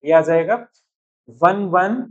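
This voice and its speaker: A man's voice: high voice, slow pace, highs cut off. Man teaching math step by step. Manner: steady explaining, checks in with students often. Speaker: chemistry teacher. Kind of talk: chalkboard-style math walkthrough.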